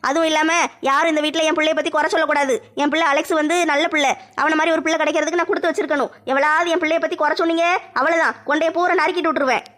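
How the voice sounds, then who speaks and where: A woman playing a firm older mother-in-law keeping peace in a family comedy skit, brisk and scolding. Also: sits high, steady tone, a bit bright.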